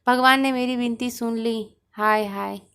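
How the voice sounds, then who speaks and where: A groaning, self-pitying old mother in a spoken storybook, as a woman narrator puts her on. The voice sits a touch high and carries a lamenting, sly edge throughout. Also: fairly even intonation, unhurried, a bit bright, clean tone. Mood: moaning.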